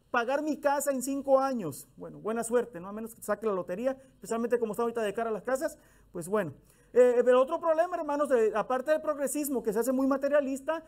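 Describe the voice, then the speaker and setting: A man's voice: very high voice, a little mellow. A middle-aged male minister, giving a folksy, conversational sermon with acted-out bits of dialogue.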